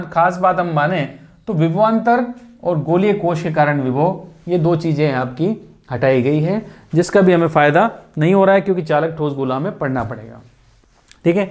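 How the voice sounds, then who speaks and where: A male physics teacher talks through a lesson in an unhurried, patient way, circling back to key points and checking in with his students. His voice sits somewhat high for a man. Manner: patient, repetitive explaining with frequent check-ins. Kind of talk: classroom-style lesson explaining syllabus changes.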